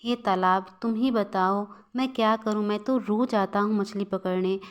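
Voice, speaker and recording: A woman's voice: medium pitch, fairly even intonation, moderate pace, close to an everyday voice. A woman voicing a poor, worried village fisherman in a storybook cartoon, with an anxious, pleading manner. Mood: despairing.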